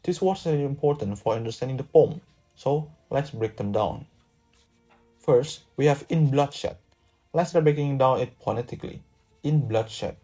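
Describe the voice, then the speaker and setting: Student lecturer from Indonesia, young man, mellow tone, careful scripted delivery, soft music behind. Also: mid-range voice, moderate pace. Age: young adult. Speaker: student presenter. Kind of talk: reading a prepared lesson script.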